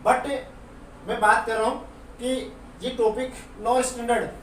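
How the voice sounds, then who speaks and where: A man's voice: extremely high pitch, little pitch movement, measured pace, a little hiss or hum. A man teaching an English lesson, explaining patiently and repeating example words to drill them. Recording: very echoey room, far from the mic.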